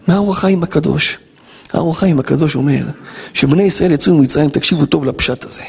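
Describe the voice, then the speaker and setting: A man, a rabbi giving an animated Torah lesson, dramatic and joking, acting out dialogues. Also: on the high side, breathy edge, long reverb tail. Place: yeshiva lesson hall.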